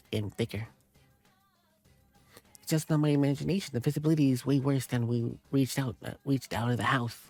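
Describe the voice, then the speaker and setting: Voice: medium pitch, fairly even intonation, a little fast, pauses often, darkish tone, no echo, faint music behind. A streamer reading game narration aloud and breaking off into giggly, chatty asides. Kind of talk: reading a visual novel aloud with commentary.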